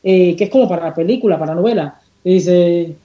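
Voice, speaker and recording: A Cuban woman singer with a lowish voice and a Cuban Spanish accent answers interview questions at normal speed, and the sound is lo-fi. She's passionate and emphatic, sometimes stopping to find a word.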